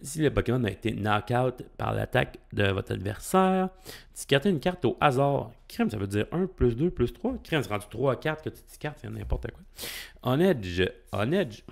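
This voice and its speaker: Excitable Québécois man, lively pitch. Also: moderate pace, vocal fry. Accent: Québécois French. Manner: excitable, exclaims and thinks aloud. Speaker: card-opening YouTuber. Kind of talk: casual card-opening commentary.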